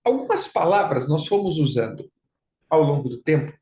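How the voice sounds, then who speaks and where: A man's voice: on the high side, lively intonation, normal speed, a little mellow. A man gives a conversational sermon as a pastor, emphatic and repeating his phrases. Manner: emphatic, repeats phrases, mocks with put-on quotes. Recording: roomy echo.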